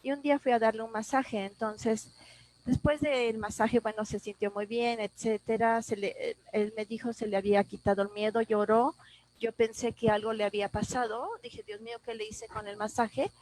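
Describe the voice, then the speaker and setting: A woman in a class discussion telling a personal story, halting and full of restarts, recorded over a video call. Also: fairly high pitch, fairly even intonation, a little mellow, rough recording. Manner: halting, many restarts and repeated words, emotional retelling. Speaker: class participant.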